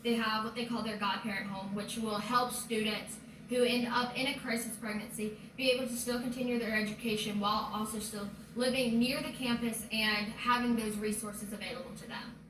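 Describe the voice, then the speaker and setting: A young woman in her twenties speaks in a calm, composed manner about campus life. She is heard from a little way off, in a room with noticeable echo. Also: on the high side, a little fast, few pauses, far from the mic, a little hiss or hum. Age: 20s. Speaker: university student. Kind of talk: news interview statement. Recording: roomy sound from off mic.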